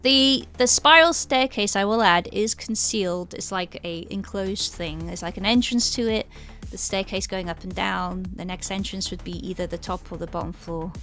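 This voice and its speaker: A woman's voice: medium pitch, moderate pace, a bit bright, faint music behind. A woman running a tabletop game, narrating in a casual, rambling way. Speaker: game master.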